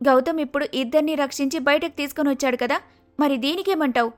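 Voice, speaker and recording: A woman's voice: sits high, fast talker, faint music behind, lightly acted. Roja: a woman doing an outspoken, indignant young wife. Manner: indignant, arguing back. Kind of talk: cartoon story voice acting.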